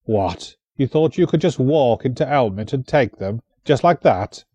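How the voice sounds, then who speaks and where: A man's voice: mid-range voice, lively intonation, unhurried, mellow, slightly rough, no echo. A man voicing a menacing, mocking Welsh warlord prince with a Welsh accent and a taunting manner. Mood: sneering. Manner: sneering, taunting.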